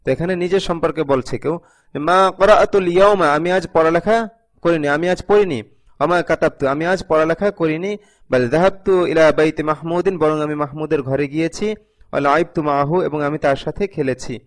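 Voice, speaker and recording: Speaking at an ordinary pace in a slightly high voice, a man who teaches Arabic records a video lesson. Sentence by sentence, he reads aloud and translates line by line, showing patience and going over phrases again for the learners.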